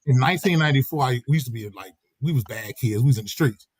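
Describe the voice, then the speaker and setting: A middle-aged man telling a casual, animated story on a podcast, laughing as he goes. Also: medium pitch, fast, dry recording. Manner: animated, laughing, slips into quoted voices. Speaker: podcast host.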